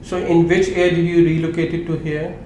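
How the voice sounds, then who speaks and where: A man's voice: fairly high pitch, little pitch movement, normal speed. A man from Pakistan hosting an interview, casual and encouraging, with frequent affirmations. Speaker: interview host. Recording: echoey room with faint noise.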